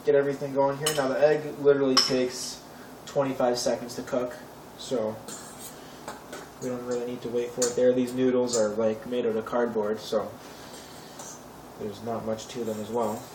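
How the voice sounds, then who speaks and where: Pots and cutlery clatter as a young man hosts a home cooking tutorial, chatty and casual with wry asides. He speaks at normal speed in a mid-range voice, with flat delivery and frequent pauses. The kitchen echoes, and the distant camera mic makes the audio noisy.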